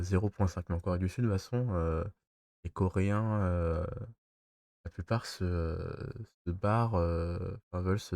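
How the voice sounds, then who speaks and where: A man with a low, soft-toned voice gives a news commentary in a dry, close sound. His nose is audibly blocked from being sick and a mask covers his mouth. He moves between read-out passages and loose, hesitant opinion. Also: no room sound. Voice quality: congested, stuffy nose. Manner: hesitant, halting when off script. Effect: speaking through a face mask. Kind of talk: reading news articles with casual personal commentary.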